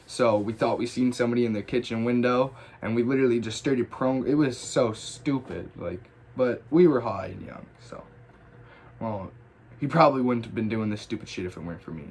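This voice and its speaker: A husky, mid-range male voice tells a personal story about graffiti in a loose, rambling way. He swears constantly, restarts his sentences, and relives the events with animation.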